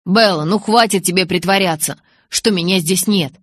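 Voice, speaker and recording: A woman reading the lines of a sulky, teasing teenage boy who pleads and presses her to talk, with a lowish voice in a dry, close audiobook recording. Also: moderate pace, dry recording, natural voice. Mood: earnest. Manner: pleading, then moping and pressing.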